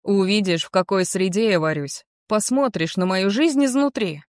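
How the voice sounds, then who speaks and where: A woman's voice: medium pitch, normal speed, no room sound, studio quality, natural voice. A woman reading as an earnest young man. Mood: earnest, warm. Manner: sincere, gently persuasive. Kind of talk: audiobook character reading.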